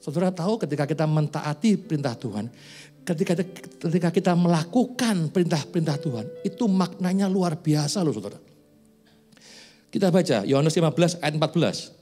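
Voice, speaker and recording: Jovial pastor preaching over soft music. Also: male voice, on the high side, animated, fairly quick. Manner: conversational, joking asides, rising emphatic questions. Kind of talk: sermon. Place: church sanctuary.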